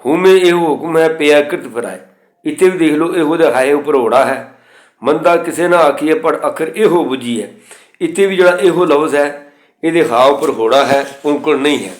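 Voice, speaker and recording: A man teaching the pronunciation of scripture, reciting verses slowly and spelling out letters and vowel signs methodically. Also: on the high side, echoey room. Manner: slow chanted recitation of verses between explanations. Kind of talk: recorded lesson on scripture pronunciation.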